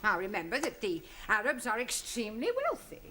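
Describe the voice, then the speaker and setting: A woman's voice: medium pitch, expressive, brisk, sharp tone. An actress playing a prim, formal and bossy woman school head in a 1970s sitcom. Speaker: school principal. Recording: faintly hissy old TV broadcast.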